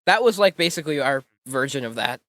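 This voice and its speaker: A man's voice: medium pitch, lively intonation, fast, a bit bright, no echo. A young man chatting casually while reacting to an old video, rambling, correcting himself mid-sentence and laughing often. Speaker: channel host.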